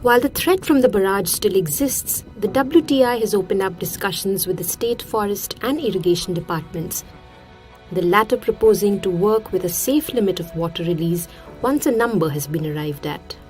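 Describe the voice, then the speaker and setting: A woman's voice: mid-range voice, animated, normal speed, darkish tone, poor audio. Woman narrating a nature documentary over music.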